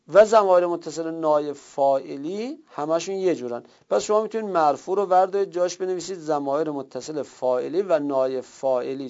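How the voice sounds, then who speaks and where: A man's voice: fairly high pitch, gravelly, a little mellow. A man teaching a classroom grammar lesson, explaining step by step and repeating himself for emphasis. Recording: dull lo-fi recording.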